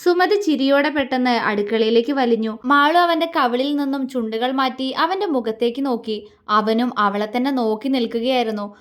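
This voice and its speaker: A woman storyteller reading a scripted romance audio story in an even, calm storybook way. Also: fairly high pitch, brisk.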